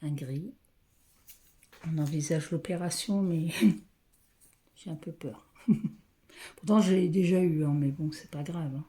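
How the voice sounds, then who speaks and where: A woman filming on her phone at home, talking softly and often half-whispering, hesitant and repeating herself as she names colors. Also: low voice, slow pace, pauses often. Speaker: craft vlogger showing thread colors. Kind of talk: casual show-and-tell. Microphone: phone camera.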